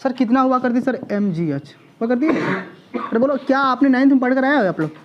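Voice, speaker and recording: A man's voice: very high-pitched, lively intonation, a little fast, highs cut off, background noise. A male physics coaching teacher lecturing a class in a chatty, teasing manner, constantly checking whether students follow. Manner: teasing, chatty, peppers speech with "sir" and check questions.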